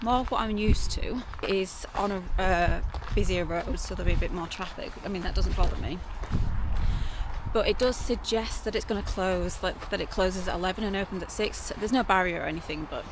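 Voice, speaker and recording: A woman talks casually to her camera outdoors near the coast, rambling along and poking fun at herself. Her voice sits at an ordinary middle pitch for a woman. Loud wind and background noise press in on the recording. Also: a little fast. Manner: chatty, rambling, self-deprecating. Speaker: vlogger. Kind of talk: casual chat.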